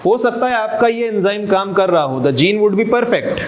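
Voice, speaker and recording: A man giving a medical college lecture, slowly repeating key terms and quizzing his students as he goes. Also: sits high, lively intonation. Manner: slow, drawn-out emphasis, repeats key terms, quizzes students and calls them "beta". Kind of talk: classroom lecture mixing Hindi and English. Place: lecture room. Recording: noisy lecture recording.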